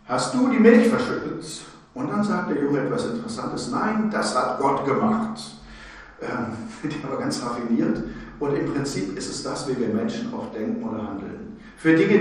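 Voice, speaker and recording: A man preaching a sermon, telling a story and then speaking directly and earnestly to his listeners. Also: mid-range voice. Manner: earnest, addresses listeners directly with informal you; storytelling with slow emphatic phrases. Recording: very echoey, distant mic in large room.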